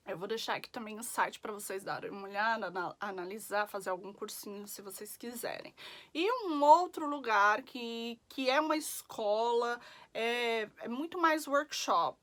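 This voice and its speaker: A woman's voice: a little high, moderate pace, fairly bright tone. A young woman from Brazil chatting casually as a vlogger, full of fillers and tag questions. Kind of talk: casual chat.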